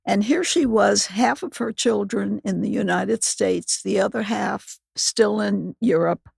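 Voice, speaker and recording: A very old woman in her nineties with a gravelly, husky voice, talking haltingly and plainly as an interview guest. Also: medium pitch, a little mellow, dry recording. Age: 90s. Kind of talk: reminiscing in conversation.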